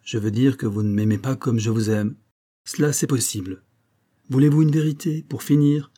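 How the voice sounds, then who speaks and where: A man reading the part of a self-assured young woman, with a brisk, lightly mocking delivery. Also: medium pitch, mellow, close to an everyday voice. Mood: teasing.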